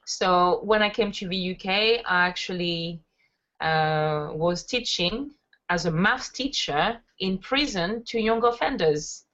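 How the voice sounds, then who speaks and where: A French woman in her thirties, a network marketer, is the guest in a casual interview, telling stories with frequent fillers. Her voice is fairly low, slow and a bit bright, and the audio is dull and lo-fi.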